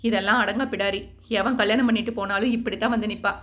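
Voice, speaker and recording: A woman voicing a spiteful, sharp-tongued middle-aged aunt who taunts in quick bursts. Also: medium pitch, fairly even intonation, close to an everyday voice. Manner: taunting, rapid.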